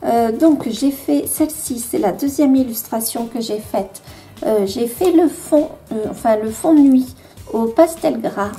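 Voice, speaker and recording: A woman with a French accent and a fairly high, mellow voice talks through her coloring books at home. She hesitates often and pokes fun at her own work, while soft music plays quietly behind her. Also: unhurried. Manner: hesitant, many fillers, self-deprecating. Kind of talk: casual show-and-tell.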